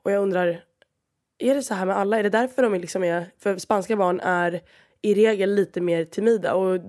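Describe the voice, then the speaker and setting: A woman's voice: mid-range voice, darkish tone. Frank young woman venting on a podcast. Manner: frank and exasperated, swears often, many restarts. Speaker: podcast host. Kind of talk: casual solo podcast monologue.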